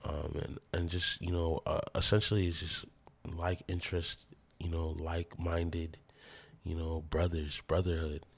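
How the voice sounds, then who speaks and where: A man's voice: low voice, little pitch movement, measured pace, gravelly, slightly rough. A man from the American Midwest, a musician guest talking in a loose, rambling, laid-back way on a casual podcast.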